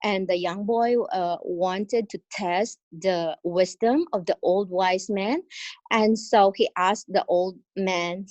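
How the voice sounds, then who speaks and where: Sharing her experience as an exchange teacher, a woman from the Philippines with a Filipino accent gives an earnest, encouraging motivational talk in an online meeting, pausing frequently and using fillers. She has a mid-range voice with a darkish tone. Captured on a video call, there's no room sound.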